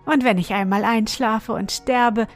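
A woman's voice: fairly high pitch, unhurried, faint music behind, lightly acted. A woman doing a dreamy, cheerful caterpillar.

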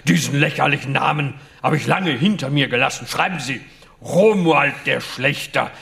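An author reading aloud, voicing a gruff man who poses as a medieval knight and threatens in old-fashioned, pompous speech. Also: a bit bright. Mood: menacing. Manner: archaic, pompous, drawn-out booming delivery.

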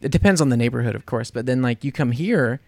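A man's voice: mid-range voice, fast talker, vocal fry, no echo. A man from New Orleans hosting a casual interview, telling stories with acted-out voices and frequent laughter. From New Orleans, USA. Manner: animated storyteller, acts out quoted voices, laughs often. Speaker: podcast host.

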